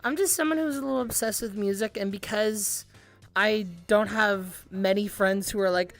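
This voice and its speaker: A woman's voice: medium pitch, moderate pace, soft background music. Bubbly young woman, cute anime-streamer style. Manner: excitable, giggly, rambling. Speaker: music streamer, VTuber. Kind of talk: casual livestream chat with viewers.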